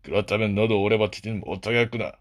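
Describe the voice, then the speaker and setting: A man's voice: fairly even intonation, lightly acted. A man doing a mean, taunting castle master. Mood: gruff. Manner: slow, low and mocking.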